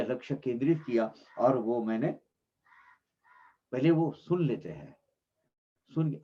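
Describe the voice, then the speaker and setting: A man's voice: mid-range voice, dark tone. A man giving earnest devotional commentary on scripture, explaining emphatically and often restarting his phrases. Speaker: religious discourse speaker. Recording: dull lo-fi recording.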